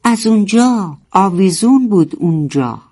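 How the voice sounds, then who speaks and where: A storyteller voicing a big father whale, gentle but stern, speaking slowly and with weight. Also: medium pitch, animated, pitched above the performer's own voice. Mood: warning. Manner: slow, measured and weighty.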